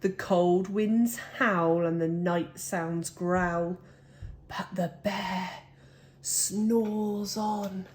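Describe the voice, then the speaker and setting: A woman reads a children's storybook aloud at a very slow pace. Her phrasing is drawn out and expressive, with dramatic weight on the rhymes. Her pitch sits in a middle range for a woman. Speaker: storybook reader. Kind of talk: expressive children's picture-book read-aloud.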